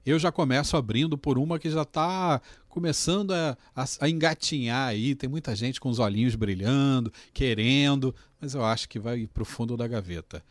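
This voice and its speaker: A man's voice: mid-range voice, normal speed, few pauses, no room sound. A man co-hosting a podcast, chatting in a playful, joking way. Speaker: podcast co-host. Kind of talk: casual podcast discussion.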